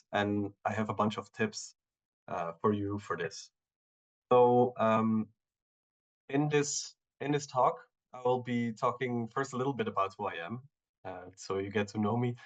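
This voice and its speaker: Low-voiced man from Belgium presenting. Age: 30s. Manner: relaxed, many fillers and restarts. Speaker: guest speaker. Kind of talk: presentation on a video call.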